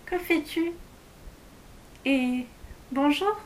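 A woman voicing an eager, excited little girl with a high voice, recorded in an echoey room. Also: normal speed, slight background noise.

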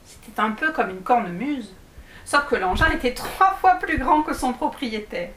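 Conteuse au ton doux, voix assez haute, lit une histoire de fées avec de l'écho. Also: female voice, a little high, very animated, slight background noise. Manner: slow, gentle storytelling. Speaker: storyteller. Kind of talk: reading a children's tale aloud. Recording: echoey room.

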